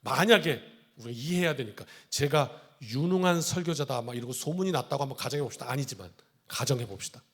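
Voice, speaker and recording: In a church sanctuary, a male pastor preaches a sermon, animatedly acting out the lines of people in his story with shifting voices. His mid-range voice is slightly rough, and he talks fast.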